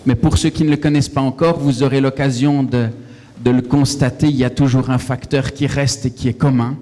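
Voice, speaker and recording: Man, pastor, warm introduction, mid pitch, long hall reverb. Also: fairly even intonation, brisk. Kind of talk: introducing a guest speaker.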